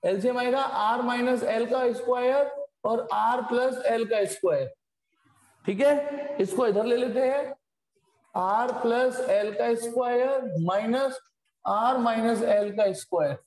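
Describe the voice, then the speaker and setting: A man's voice: very high voice, slow, darkish tone. A man teaching a physics class online, explaining step by step and breaking off to scold students bluntly. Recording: echoey room with long reverb.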